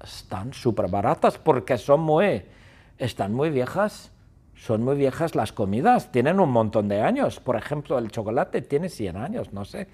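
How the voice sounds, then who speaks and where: A man's voice: mid-range voice, very animated, unhurried, darkish tone, breathy edge. A man teaching Spanish by telling a silly story to a class, with sound effects and squeals. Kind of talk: storytelling lesson for students.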